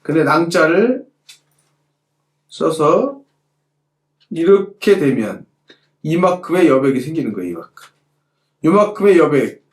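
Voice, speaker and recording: A man's voice: fairly high pitch, big pitch swings, unhurried, pauses often, reverberant. A middle-aged man teaching a calligraphy class as he demonstrates, repeating points and asking the students rhetorical questions. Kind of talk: hands-on lesson while demonstrating.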